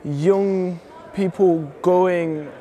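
A man's voice: high voice, very slow. A young man from France whose first language is French, talking casually in an interview with lots of yeahs, recorded on a lapel mic in an indoor training hall. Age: young adult. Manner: relaxed, many fillers and repeated yeahs. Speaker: footballer guest. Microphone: clip-on lapel mic.

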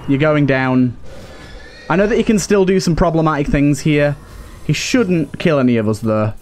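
This man records let's play videos, casually narrating as he thinks out loud and chats with the characters in his game. His voice is fairly high with a darkish tone, and game music runs in the background.

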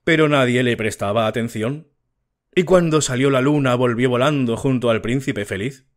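A man reading a fairy tale as an audiobook narrator, slow and measured. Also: mid-range voice.

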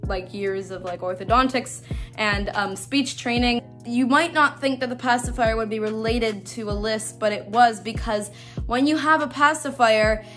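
A teenage girl talks to her camera in a quick, bubbly vlog style, and her S sounds carry a slight lisp. Her voice sits a little high for a woman. Soft music plays faintly under her talk. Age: teens. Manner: chatty, bubbly, quick asides. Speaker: YouTuber.

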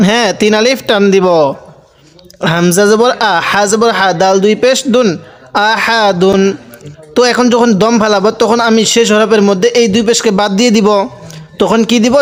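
A man teaching Quran reading with a Bangladeshi Bengali accent, his voice high and smooth. He spells each word out letter by letter, then draws the words out slowly in recitation. He keeps posing questions to his viewers and answering them himself. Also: fairly even intonation.

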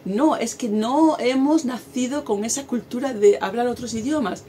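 A Spanish vlogger in her forties, speaking with a Spanish accent, talks animatedly to camera outdoors in a garden, gesturing as she goes. Her voice is fairly high with a dark tone, at normal speed, in a casual chat.

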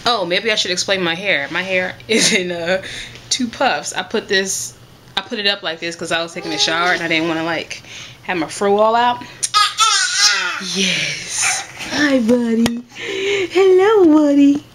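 A woman's voice: lowish voice, a little fast. A woman chatting casually in a vlog, rambling and laughing often as she talks. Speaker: vlogger. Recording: loud background noise.

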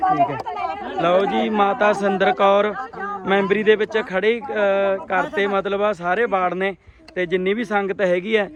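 A man reporting on the spot for a vlog at an outdoor village gathering, lively and repetitive, calling out slogans. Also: sits high, a little slow. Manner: lively, repeats himself, calls out slogans. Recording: loud crowd all around outdoors. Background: loud crowd chatter.

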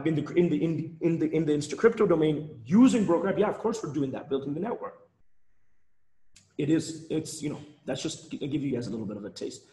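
A man's voice: a little high, dark tone. A man presenting on a live webinar, losing his voice, rambling with frequent restarts and repeated words. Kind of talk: casual live webinar talk. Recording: roomy echoey sound.

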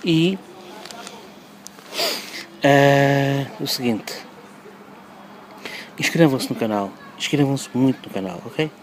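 A man in his thirties with a European Portuguese accent talks cheerfully to his phone, held at arm's length, as he walks outdoors. His voice sits at a middling pitch and he keeps a chatty, upbeat flow for his viewers. Faint outdoor noise hangs in the background. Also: lively intonation, slow, long pauses, poor audio. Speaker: vlogger. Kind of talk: casual vlog. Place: outdoors on a street.

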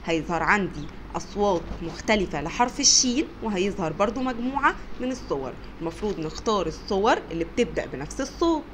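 A young woman teacher with an Egyptian Arabic accent, teaching letters to small children, encouraging and stretching each sound out slowly. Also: mid-range voice, very animated, a little hiss or hum. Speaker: kindergarten teacher.

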